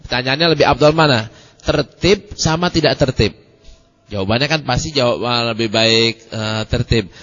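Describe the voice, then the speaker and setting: A man's voice: mid-range voice, normal speed, a bit bright. A man giving a colloquial religious study lecture, rambling with many hesitations. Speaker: religious teacher. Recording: muffled recording in a reverberant hall.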